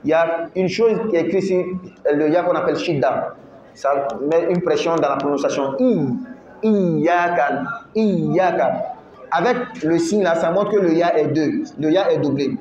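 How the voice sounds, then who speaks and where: A man teaching a Ramadan class on Quran recitation in a mosque, drilling each word's pronunciation slowly, syllable by syllable. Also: a little high, a little mellow. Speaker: religious teacher. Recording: echoey, muffled room recording.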